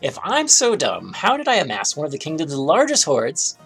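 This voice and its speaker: Someone acting a theatrical, creaky-voiced young dragoness. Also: mid-range voice, wildly swooping pitch, normal speed, a bit bright, soft background music, voice pushed up, heavily acted. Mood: defensive. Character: grumpy, self-pitying young female dragon, boastful yet insecure. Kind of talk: game character voice-over, playful live read.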